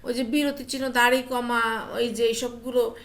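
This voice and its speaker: A woman teacher runs a class over an online call, her voice high and bright. She coaxes the pupils along with questions and slips English phrases into her explanations. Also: level tone, normal speed. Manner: coaxing, asks students questions, mixes English phrases.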